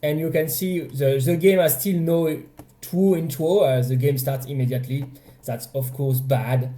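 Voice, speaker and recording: A man's voice: fairly high pitch, moderate pace, warm tone. A young man with a French accent, casually walking through his game's progress, hesitant and often correcting himself. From France. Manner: hesitant, self-correcting, chatty. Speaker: indie game developer. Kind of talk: casual devlog walkthrough.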